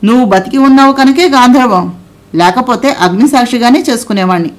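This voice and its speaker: A woman's voice: on the high side, brisk, pitched above the performer's own voice, natural voice. Woman reading as a smug, breezy young husband. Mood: teasing. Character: confident, teasing young husband, man.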